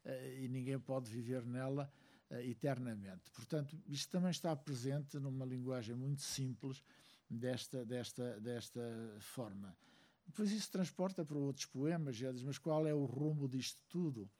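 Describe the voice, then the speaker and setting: Reflective man with a mellow voice. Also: medium pitch. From Angola. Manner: reflective, measured, many hesitations. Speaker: speaker at a book launch. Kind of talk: speech to a seated audience.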